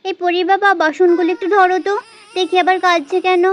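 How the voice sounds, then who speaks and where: A woman voicing a bustling village mother doll who scolds and dotes on her children, talking fast and nagging. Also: extremely high pitch, level tone, a little hiss or hum. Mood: fussing. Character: fussy village mother, scolding yet doting. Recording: dull lo-fi sound.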